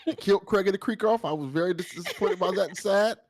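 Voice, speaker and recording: A high-pitched man talks fast as host of a fiction podcast's casual after-show. He is informal and effusive with his praise, mildly sweary throughout.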